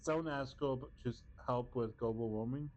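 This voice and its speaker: A tired young man co-hosting a podcast, recapping slowly with lots of ums. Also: mid-range voice, a little mellow, lo-fi sound. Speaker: podcast co-host. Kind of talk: casual chat.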